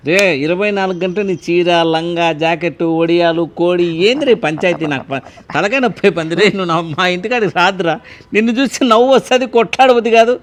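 Mocking man talking very fast. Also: high voice. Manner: mocking and dismissive, amused. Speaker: neighbor's husband in a comedy skit. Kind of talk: scripted comedy skit.

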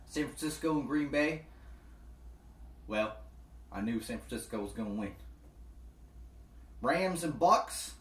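A man giving football picks in a casual vlog, excitable and slangy, calling listeners "bro". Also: fairly high pitch, roomy sound. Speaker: sports picks vlogger. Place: apartment.

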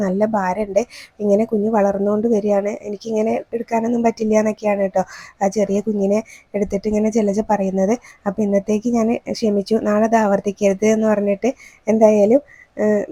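Fast, flat-toned woman recapping a serial. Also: medium pitch, breathy edge, no echo. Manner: chatty, keeps adding a friendly "you know" tag. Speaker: serial review host. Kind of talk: fast casual plot recap.

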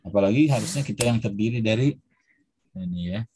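A man's voice: fairly low pitch, a little fast, warm tone, slight background noise. A man telling a story while teaching an Arabic class, acting out the dialogue.

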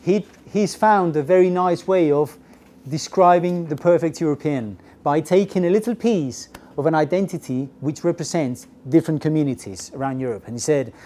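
A middle-aged man giving a business English class lecture, lively and constantly checking in with the audience. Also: on the high side, moderate pace. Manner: lively, asks the audience "okay? yes?" often. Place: classroom with projector screen. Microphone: lapel mic.

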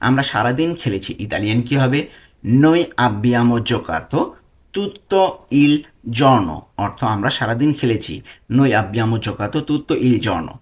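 A man from Bangladesh teaching a language lesson, explaining slowly and spelling out foreign phrases word by word. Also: mid-range voice, lively intonation.

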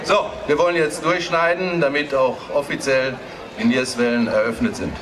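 A man's voice: mid-range voice, fairly even intonation, moderate pace, low-quality recording. A man making a public speech at an opening ceremony, into a stage microphone outdoors. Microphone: microphone on a stand.

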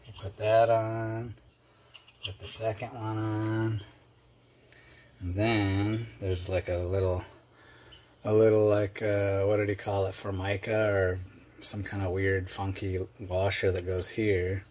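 Taking it slowly with long pauses, a middle-aged man in a cluttered garage workshop narrates a repair tutorial in a lowish, darkish, level voice. He's a chatty video host who rambles with lots of fillers as he works with his hands, over slight background noise.

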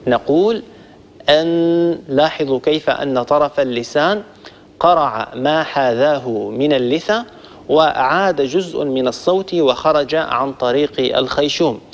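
Slightly high-voiced man teaching in reverb. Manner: patient, explains step by step and slowly demonstrates each sound; addresses listeners warmly as a group. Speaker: Quran recitation teacher. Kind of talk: instructional lesson on pronunciation. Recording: long reverb, dull lo-fi sound.

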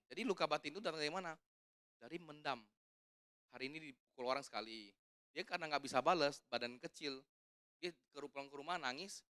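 A man's voice: medium pitch, bright, forceful tone, smooth, dry recording, clean studio sound. A man preaching a conversational sermon at a church service, casual and joking, putting questions to the congregation. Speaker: evangelist preaching.

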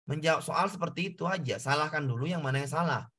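A man's voice: on the high side, fast talker, fairly bright tone, husky. A man tutoring an online class, explaining exam answers step by step, repeating key points and addressing students directly.

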